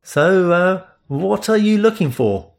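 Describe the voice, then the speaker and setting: A man voicing a guarded, unsure young boatman who talks in halting phrases, reading from a romance audiobook. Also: high voice, creaky, voice pushed up.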